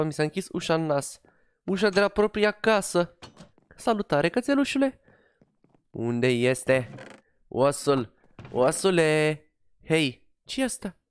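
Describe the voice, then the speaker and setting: A man's voice: a little high, clear, resonant tone. A man casually commenting as he plays a building game, chatting to himself and to an in-game dog. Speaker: gaming youtuber. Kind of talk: casual Minecraft let's play commentary.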